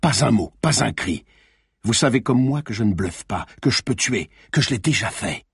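A man's voice: medium pitch, animated, moderate pace, breathy edge, no room sound, clean studio sound. A man reading a cold threatening killer. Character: threatening male killer with a gun. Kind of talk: audiobook narration.

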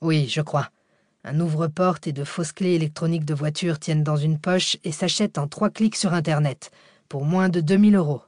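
A woman's voice: sits low, normal speed, a little mellow, dry recording, clean studio sound, voice pushed down. A woman reading an audiobook, voicing a terse, sardonic male fugitive behind the wheel. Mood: calm. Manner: terse, clipped replies. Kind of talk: audiobook character voice.

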